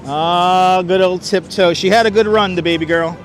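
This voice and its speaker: A man's voice: high-pitched, steady tone, moderate pace, soft background music. A man hosting a live walking stream outdoors on a city street. He talks casually on a clip-on wireless mic, chuckles often and chats with viewers. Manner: chatty, reads chat aloud, chuckles often. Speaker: livestream host.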